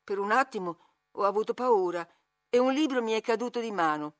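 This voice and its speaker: A woman narrating a classic novel as an audiobook reader, measured and expressive. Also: a little high, soft background music.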